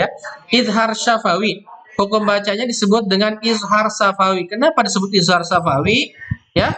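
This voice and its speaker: A man teaching Quran recitation rules, explaining step by step and slowly chanting verse words before each explanation. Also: high-pitched, a bit bright. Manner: explains step by step, often ending with "ya".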